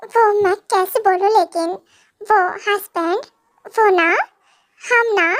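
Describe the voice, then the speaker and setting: A woman's voice: very high-pitched, takes it slowly. A woman voicing a shy, flustered young wife in a fan audio drama, hesitant and scolding by turns.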